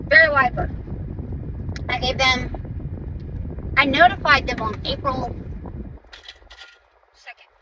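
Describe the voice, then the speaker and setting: A middle-aged woman podcast host and parent, ranting with indignation and heavy swearing in a casual monologue. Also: high voice. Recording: distant mic with loud outdoor noise.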